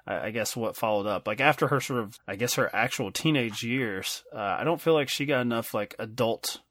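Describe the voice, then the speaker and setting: A man co-hosting a casual film discussion, halting and self-correcting, wry with small chuckles. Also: medium pitch, fairly bright tone, no echo. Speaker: podcast co-host.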